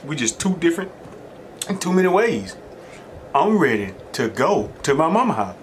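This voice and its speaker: A man's voice: on the high side, sing-song, normal speed, a little hiss or hum. A middle-aged man with a Southern US accent chatting casually between mouthfuls as a mukbang host, in a folksy, rambling storytelling way. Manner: talks between mouthfuls of food. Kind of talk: casual chat while eating.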